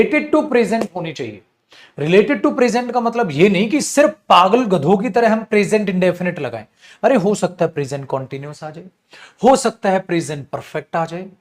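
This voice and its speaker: A man with a Hindi accent teaching English grammar in an online class, animated and scolding, calling his students beta. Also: sits high.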